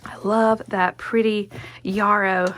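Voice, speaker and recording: A woman's voice: mid-range voice, level tone, takes it slowly, fairly bright tone, slight background noise. A woman giving a casual hands-on craft tutorial as the instructor, chatty and musing, often talking to herself as she goes. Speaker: quilting instructor and host.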